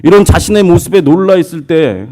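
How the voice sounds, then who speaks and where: Brisk and a little high-pitched, this pastor preaches a sermon built around a story. He voices its characters with lively flair and puts questions to the congregation.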